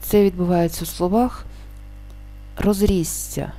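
A woman explains a grammar lesson in a low, mellow voice. She states each rule plainly, then slows down to sound out the examples with care. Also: steady tone, faint music behind. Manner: slow, careful spelling-out of example words. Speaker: teacher.

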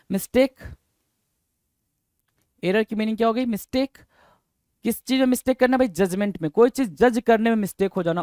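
A man teaching English vocabulary in a Hindi-English lesson, repeating each term and quizzing his listeners, drawing out the English words slowly. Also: sits high, a little mellow, dry recording.

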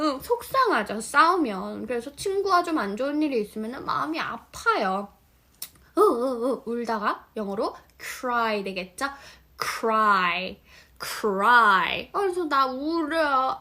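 A woman's voice: on the high side, sharp tone. A woman teaching English words to children in a playful, sing-song way, acting out little scenes. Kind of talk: children's vocabulary lesson. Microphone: phone filming vertical video.

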